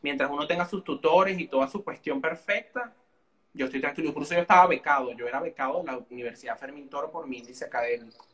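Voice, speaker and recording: A young man with a Venezuelan accent, chatting as a guest in an interview with an animated, theatrical way of telling stories. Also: on the high side, quick pace. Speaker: guest YouTuber. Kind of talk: casual interview chat.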